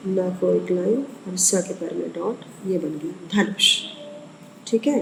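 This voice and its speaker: A woman teacher patiently taking young pupils through letters in an online lesson, sounding each one out slowly and calling them child. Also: medium pitch, slight background noise. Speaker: school teacher. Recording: roomy echo with long reverb.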